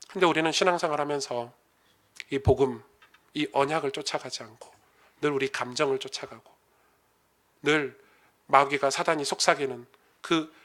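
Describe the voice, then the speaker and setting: A middle-aged male pastor preaching a sermon, dropping to a hush and then building to loud, rising passages. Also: a little high. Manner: swings from hushed to loud and rising when preaching.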